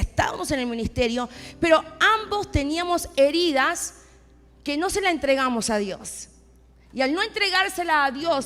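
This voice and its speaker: A woman in her forties from Argentina, speaking with an Argentine accent, shares her personal testimony as a pastor's wife in a church sanctuary. Her high, fairly bright voice moves from personal storytelling to emphatic declarations, and the recording carries long hall reverb with faint music.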